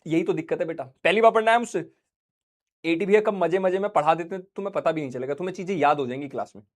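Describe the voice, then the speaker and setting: A man's voice: on the high side, rapid-fire. A male teacher giving a casual, joking lecture, chatty and full of asides and questions to the class. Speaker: online teacher.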